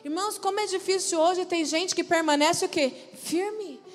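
A woman's voice: very high voice, moderate pace, long reverb tail, soft background music. A woman pastor preaching a sermon, speaking emphatically and calling out to the congregation for responses.

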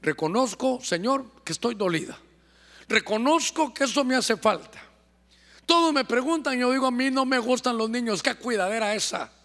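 Pleading barren woman praying in a high gravelly tone , a preacher putting her on, Honduran, hall echo. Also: lively intonation, normal speed, a bit bright, heavily acted. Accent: Honduran Spanish. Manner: pleading, confessional prayer. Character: childless praying woman, bitter yet determined. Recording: long church hall reverb.

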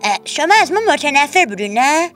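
Woman doing a high, eager hyena boy. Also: expressive, a bit bright, faint music behind.

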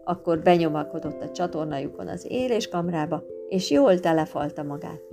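A woman narrating a storybook tale in a lively, expressive reading, with guitar music behind. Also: low voice, gravelly.

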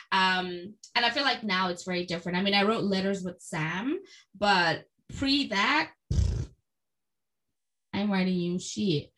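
A young adult woman in casual chat, telling a story in an animated, expressive way and swearing freely. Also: on the low side.

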